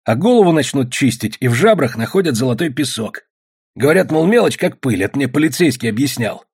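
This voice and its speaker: A man voicing an older male gold prospector, furious and in tears, shouting and ranting in an audiobook. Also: medium pitch, expressive, a little fast, slightly rough, pitched above the performer's own voice. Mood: explaining. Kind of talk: audiobook narration.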